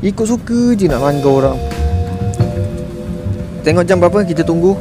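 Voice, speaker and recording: A man's voice: sits high, lively intonation, moderate pace, music in the background. A man with a Malaysian Malay accent giving casual, exasperated commentary while streaming a management game and talking to his viewers.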